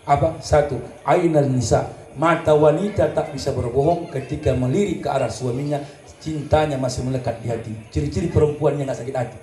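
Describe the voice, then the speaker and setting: A man from North Sumatra, Indonesia, preaches a comedic sermon at a religious celebration in a slightly fast, rather high voice with a North Sumatran accent. Lively and joking, he acts out quarrels between couples and sings snatches of songs. The hall is echoey, with faint background noise.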